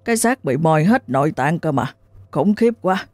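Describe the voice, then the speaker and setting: A woman voicing an older male village chief who speaks in a brisk, commanding way. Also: low voice, lively intonation, a little mellow, no room sound. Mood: grave.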